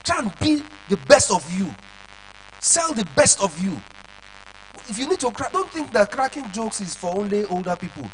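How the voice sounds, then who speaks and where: Animated high-voiced man teaching. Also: normal speed, slight background noise, low-quality recording. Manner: animated, keeps checking the audience follows. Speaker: public speaking instructor. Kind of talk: lecture to children.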